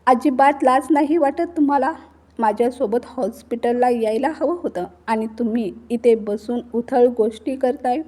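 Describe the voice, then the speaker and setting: A woman's voice: on the high side, moderate pace, a little mellow, close to an everyday voice. Storybook role: a pleading, indignant young wife, read by a female narrator. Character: angry, frightened young wife defending herself.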